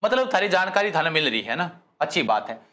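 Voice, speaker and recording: A man's voice: a little high, sing-song, a little fast, bright, forceful tone. A man teaching a live online quiz class, praising students by name and joking in dialect. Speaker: exam-prep teacher.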